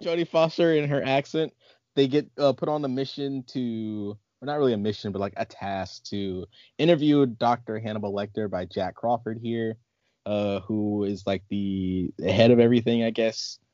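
A man's voice: fairly low pitch, fairly even intonation, moderate pace, dark tone, no echo. A man hosting a casual podcast chat, joking and laughing often. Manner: joking, laughs often, uses many fillers. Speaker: podcast host. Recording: dull lo-fi sound.

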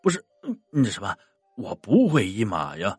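A man's voice: fairly low pitch, huge pitch swings, moderate pace, darkish tone, husky, no room sound, clean studio sound, faint music behind, voice pushed down, heavily acted. A man voicing a frightened old squire and painter who stammers and trembles as he speaks. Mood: pleading.

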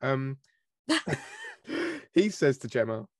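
Brief: British male podcast co-host, animated pitch, dry close sound, chatty and giggly. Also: very slow, slightly rough, dry recording. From Britain. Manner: chatty, laughs often. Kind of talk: casual chat.

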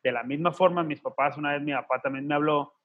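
A man in his 30s co-hosts a casual faith podcast, talking fast in a fairly high voice. He tells personal stories earnestly and drops in slangy asides. The recording sounds muffled.

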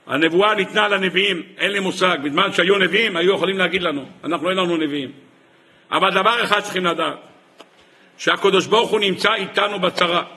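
Impassioned rabbi, high bright voice. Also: male voice. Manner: impassioned, swinging between raised pleas and hushed low asides. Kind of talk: weekly Torah portion sermon.

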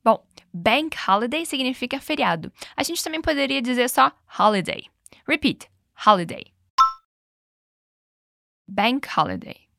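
A woman teaching English and running repeat-after-me drills, speaking clearly and patiently and slowing down on model phrases. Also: fairly high pitch, very animated, a bit bright, no echo, clean studio sound. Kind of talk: bilingual language lesson with repeat drills.

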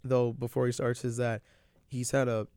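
A man's voice: medium pitch, flat delivery, moderate pace, darkish tone, clean tone, dry recording, clean studio sound. A young man talking casually as a co-host on a podcast. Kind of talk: casual chat.

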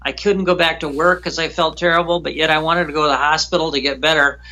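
A man guest recounting a frightening personal story in an emotional, halting way, often repeating himself. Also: a little high, steady tone, sharp tone.

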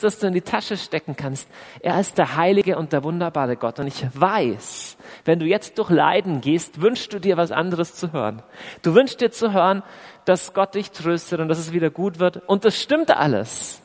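A man preaching a sermon to a congregation, urging them directly, sometimes loud and emphatic, sometimes quiet and solemn. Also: sits high, lively intonation, normal speed. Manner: addresses the congregation directly and warmly. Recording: long hall reverb.

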